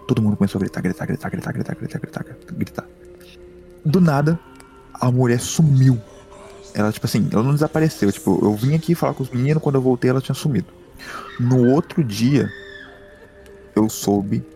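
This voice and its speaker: Male podcast co-host, gravelly and mellow, excitable storyteller with faint music under. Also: mid-range voice. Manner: excitable, repeats words and slang. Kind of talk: casual storytelling chat. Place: home room.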